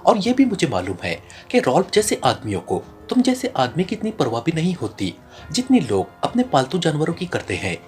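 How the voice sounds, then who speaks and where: A narrator voicing a calculating male secret agent who speaks in a flat, icy, menacing tone in an audiobook. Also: mid-range voice, brisk, soft background music. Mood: cold. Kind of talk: audiobook character reading.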